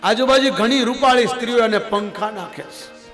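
A man's voice: very high voice, moderate pace. A man giving a devotional scripture discourse, storytelling and acting out the dialogue. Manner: storytelling, acts out dialogue, chuckles often. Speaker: katha preacher. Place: large religious gathering hall. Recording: echoing hall with loud music.

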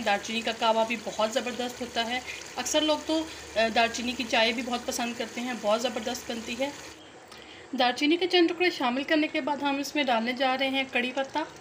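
A woman hosting a cooking channel, calmly explaining a recipe step by step in voice-over narration. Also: fairly high pitch. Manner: calm step-by-step instruction. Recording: noisy kitchen, sizzling pot.

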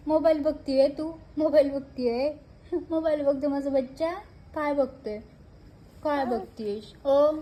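A woman's voice: high-pitched, darkish tone. A mother cooing baby talk to her two little daughters, repeating each question in a sing-song way. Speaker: mother talking to her babies.

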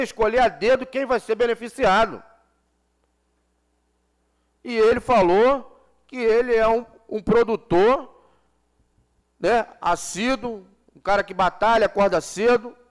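A Brazilian city councilman in his forties, with a notably high voice, gives an impassioned floor speech into a desk gooseneck microphone in the council chamber. He drives his points home by repeating phrases for emphasis.

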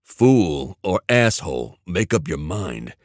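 A man doing a low, calm tough ex-soldier. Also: no room sound, studio quality, full character voice. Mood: cool. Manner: low, slow, calm, menacing. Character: cool, tough male ex-soldier.

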